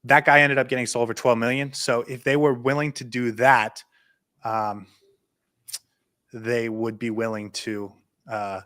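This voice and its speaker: A man co-hosting a casual podcast, talking excitedly and quickly until he runs short of breath. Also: medium pitch. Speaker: podcast co-host. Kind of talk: casual chat.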